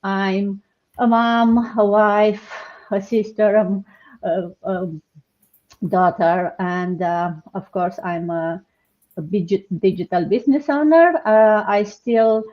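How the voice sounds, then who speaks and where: A woman from Romania hosting a live online panel chat, talking warmly with many fillers and restarts. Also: medium pitch, slow pace, dull audio. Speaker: host.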